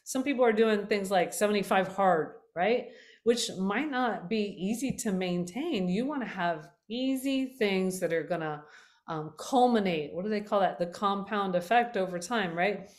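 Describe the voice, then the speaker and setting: A middle-aged woman talks casually to her viewers about health, chatty and loose, stopping often to correct herself. Her voice is slightly worn, as if she is losing it, and sits at an ordinary middle pitch. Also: normal speed. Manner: chatty, with many fillers and self-corrections. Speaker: health talk host.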